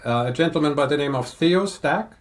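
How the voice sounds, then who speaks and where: An older man in a casual podcast chat, explaining audio equipment in a measured, technical way. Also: a little high. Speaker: audio reviewer guest.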